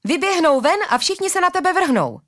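Defiant young swordswoman, high urgent shouts, read by a woman. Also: very animated, exaggerated voice. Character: young female warrior, defiant and desperate.

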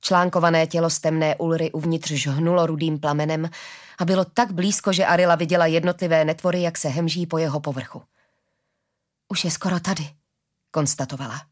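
Female audiobook narrator, expressive fantasy reading. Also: low-pitched.

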